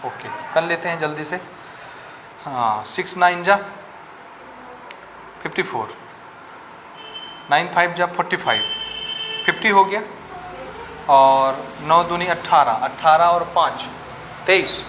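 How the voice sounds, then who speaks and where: In an echoey room with faint background noise, a man with a slightly high voice gives a physics lecture to his class. He moves slowly, leaving long pauses, as he works through sums aloud and asks students for answers.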